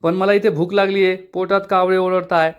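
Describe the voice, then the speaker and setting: A man's voice: sits high, little pitch movement, brisk, smooth, close to an everyday voice. A man voicing a fussy, childish old village patriarch.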